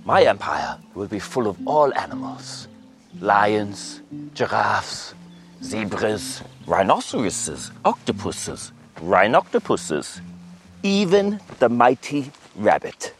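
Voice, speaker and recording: Silly over-the-top dictator buddy, voice swooping all over, hammy and grand. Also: male voice, very animated, slow, soft background music. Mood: playful pep talk. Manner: playful, mock-grand pep talk, swinging pitch. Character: goofy, theatrical imaginary dictator friend, adult man. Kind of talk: film dialogue.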